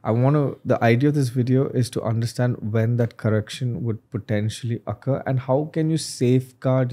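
Lively man hosting a studio podcast. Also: mid-range voice. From Dubai. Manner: animated, talks with his hands. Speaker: podcast host. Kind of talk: conversational interview. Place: studio set with desk. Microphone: desk boom mic.

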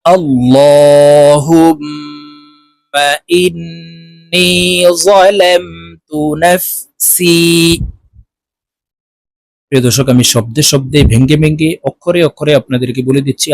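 A man's voice: darkish tone, slightly rough, no echo. A man teaching prayer recitation, explaining word by word and chanting the phrases drawn out. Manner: explains slowly, then chants Arabic phrases drawn out and higher. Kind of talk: religious lesson.

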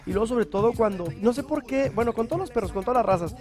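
A man's voice: very high-pitched, fast, a little mellow. A man hosting a live morning TV show, chatty and affectionate as he reads out viewer greetings. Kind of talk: casual live TV chat.

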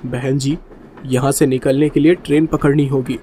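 A man's voice: mid-range voice, level tone, normal speed, mellow, slight background noise, natural voice. A man voicing an anxious male traveler who urges and stammers nervously. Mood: urgent nervous.

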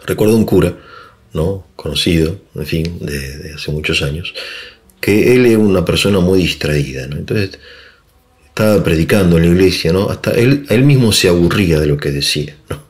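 A middle-aged man speaks in a very deep voice. He talks through a philosophy lesson in a loose, conversational way, wandering off on asides and often checking in with tag questions. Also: lively intonation, normal speed. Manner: digressive with frequent fillers. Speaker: philosophy lecturer. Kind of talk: informal philosophy lecture.

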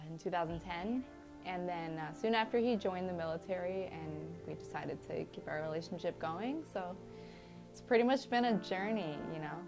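A young woman from Liberia answering interview questions, chatty and laughing often, with frequent fillers. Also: lowish voice. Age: young adult. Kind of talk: casual interview. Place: indoor studio set with curtains. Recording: studio interview with music underneath. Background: background music.

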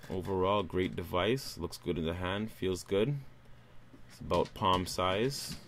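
Speaking a little slowly, a very low-voiced tech reviewer gives a relaxed, upbeat voice-over for a phone unboxing. He sits close to the mic, addresses viewers as "guys," and a faint hum lingers beneath his voice.

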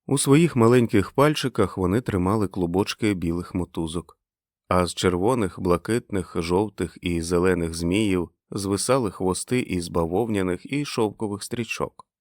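A man reading a literary story aloud in a measured, expressive way. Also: deep voice, dry recording, studio quality. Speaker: audiobook narrator.

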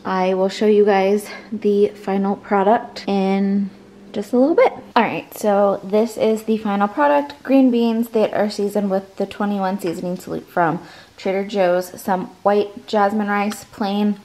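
A woman's voice: mid-range voice, steady tone, measured pace, mellow. Chatty woman filming her home kitchen. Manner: chatty, talks while cooking, many restarts. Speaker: home cook vlogger. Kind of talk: casual cooking vlog narration.

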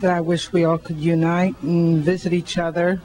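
A woman's voice: fairly low pitch, flat delivery, moderate pace, darkish tone, a little hiss or hum, poor audio. Older woman, friendly, earnest, indoor mall, handheld mic. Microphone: handheld mic held by interviewer.

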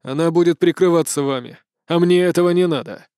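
A man's voice: fairly high pitch, darkish tone, clean tone, no echo, clean studio sound, lightly acted. A man reading a cold, menacing otherworldly being. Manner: cold, measured. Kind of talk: audiobook dialogue.

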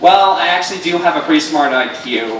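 A man's voice: on the high side, quick pace, fairly bright tone. A young man doing casual stage comedy as a ventriloquist playing straight man, talking hesitantly. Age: young adult. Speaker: amateur ventriloquist. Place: small indoor comedy stage, filmed from the audience. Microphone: stage mic picked up by far camera. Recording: echoey noisy venue, distant camera mic.

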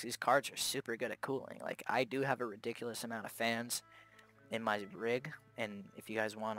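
A man's voice: medium pitch, fairly bright tone, no echo. A young man casually talking through graphics card overclocking at home, laid-back and chatty with lots of fillers and the odd swear. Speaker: tech video host. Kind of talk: casual unscripted tech commentary. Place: home gaming setup with loud fans.

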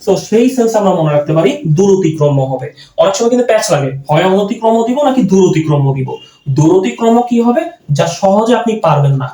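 A man's voice: high voice, warm tone, roomy sound. A man teaching an exam-prep grammar lesson, repeating points and answering his own questions step by step.

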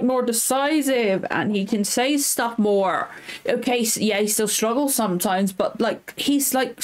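A young woman hosts a casual reaction video. She gushes openly, tossing off quick asides as she talks, and her voice sits a little high. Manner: gushing, effusive, quick asides.

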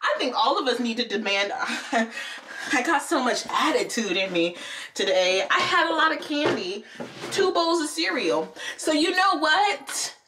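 A woman's voice: high voice, big pitch swings, measured pace, recorded from a distance, background noise. A young adult woman chatting casually to her viewers as a beauty vlogger, playful and rambling, laughing often. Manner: talks with her eyes closed. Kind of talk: casual chat to camera.

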